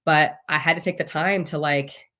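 A woman's voice: low voice, fairly even intonation, normal speed, pushed and bright. A woman in her thirties, a podcast guest, telling a personal story in a candid, casual way, swearing freely and laughing often.

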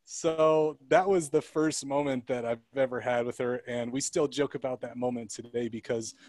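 A man's voice: medium pitch, fairly even intonation, normal speed, a little mellow, no echo. A man as an interview guest, telling a personal story in an earnest, reflective way with restarts.

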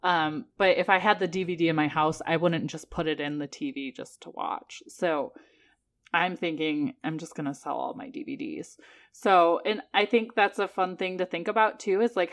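A woman co-hosting a podcast in casual chat, telling things in an informal, jokey, rambling way. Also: fairly low pitch. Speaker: podcast co-host.

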